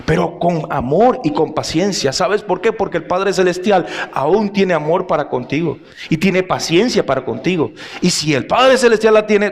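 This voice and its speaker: A middle-aged male pastor preaching a sermon, telling anecdotes and putting questions to the congregation. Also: sits high.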